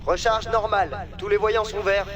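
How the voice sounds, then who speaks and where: An actor playing a nervy cryo bay technician aboard a warship in a video game. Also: male voice, sits high, steady tone, normal speed, music in the background, lightly acted. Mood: procedural.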